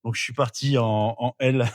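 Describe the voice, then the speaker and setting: This podcast interview guest, a middle-aged man from northern France, tells his life story in a casual way, often using fillers and restarting sentences. His mid-range voice is steady and slow, and the studio recording is clean with no room sound.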